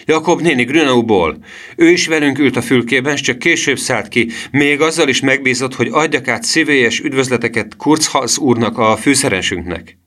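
A man voicing an agitated young boy in an audiobook reading, with shrill, excited outbursts. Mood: indignant.

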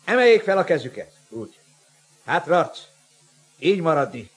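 An arresting officer in a radio play, his high voice formal and authoritative. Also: very animated, breathy edge, faint music behind.

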